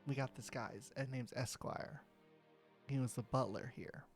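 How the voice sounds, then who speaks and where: A man's voice: medium pitch, fairly even intonation, a little slow, faint music behind. A man voicing a crude, laid-back henchman in a tabletop game, drawling and cursing casually. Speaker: game master.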